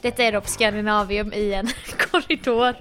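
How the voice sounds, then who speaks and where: A woman telling a story in casual chat, animated and self-mocking, laughing often. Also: mid-range voice, faint music behind.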